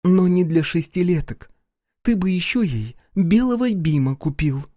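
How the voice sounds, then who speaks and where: A man's voice: on the high side, big pitch swings, measured pace, darkish tone, no room sound, studio quality, voice pushed up. Man voicing a furious sarcastic mother. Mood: exasperated. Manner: sarcastic, indignant, raised voice. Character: exasperated divorced woman, sharp-tongued mother. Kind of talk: audiobook character voice.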